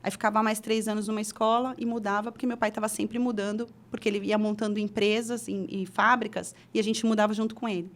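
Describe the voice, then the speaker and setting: A middle-aged Brazilian woman, a guest in an interview, tells her career story in a chatty way, full of restarts and fillers. Her voice is mid-range with little pitch movement, and she talks fast with few pauses.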